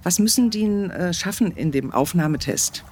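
A woman's voice: lowish voice, lively intonation, moderate pace, darkish tone, slight background noise. A woman hosting a podcast, asking questions in a conversational interview style. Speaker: podcast host, military editorial reporter.

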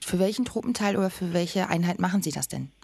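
A woman's voice: on the low side, quick pace, vocal fry, a little mellow, breathy edge, no echo. A woman hosting an interview podcast, asking questions and introducing guests. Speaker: podcast host.

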